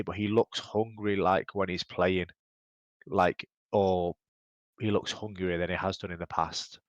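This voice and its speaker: A man's voice: fairly low pitch, no room sound. A man co-hosting a gaming podcast in casual chat, teasing his co-host dryly and laughing often.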